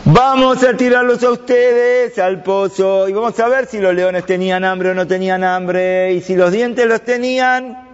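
A man's voice: high voice, fairly even intonation, unhurried. Fretful storybook king, put on by a man, long hall echo, muffled. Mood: shrewd. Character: anxious ancient king, fond of his minister. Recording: dull sound with long hall reverb.

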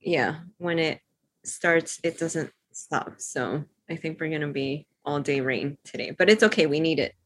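A woman's voice: low-pitched, unhurried. A woman from Cuba, a guest on a casual video call, chatty and agreeable.

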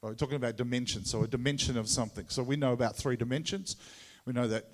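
Tassie accent aussie guy preaching casually, stop-start delivery, big echoey hall reverb. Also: mid-range voice. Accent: Tasmanian Australian. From Tasmania, Australia. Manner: halting, conversational, repeats words. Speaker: visiting preacher. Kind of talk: informal sermon to a congregation. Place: large room or hall, speaking to a congregation.

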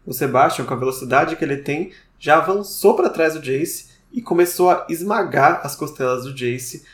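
A man's voice: fairly high pitch, moderate pace, a bit bright. A man co-hosting a podcast, chatty and wry as he talks through a book's plot. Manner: chatty, wry asides, frequent "né". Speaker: podcast co-host discussing a book. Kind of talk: casual book discussion. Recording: roomy echo.

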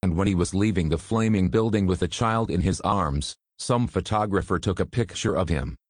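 A man narrating a story in an even, steady reading manner. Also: sits low, no echo, clean studio sound.

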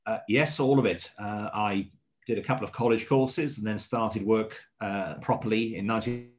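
Man, middle-aged, slight Swansea Welsh accent, lowish pitch, measured, explanatory, conversational interview guest. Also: steady tone. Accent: mild South Welsh. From Swansea, South Wales. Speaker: hotel manager, interview guest.

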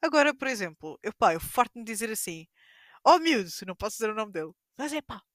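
A woman's voice: fast, dry recording, studio quality. A young adult woman with a European Portuguese accent, a teacher co-hosting a casual podcast chat, telling stories animatedly and mimicking pupils. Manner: animated storytelling, mimics pupils in high squeaky voices.

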